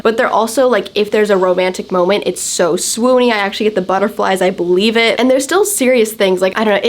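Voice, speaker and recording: A young woman with a mid-pitched voice talks casually about books to her viewers. Her phrasing is informal and conversational, often sprinkled with "like". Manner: informal, peppered with "like". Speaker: book vlogger.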